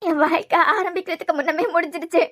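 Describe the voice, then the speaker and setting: A woman's voice: extremely high pitch, fairly even intonation, a little fast, a bit bright. A woman with a Kanyakumari Tamil accent voicing a tearful, despairing young woman in a cartoon serial. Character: distraught young woman, newly engaged.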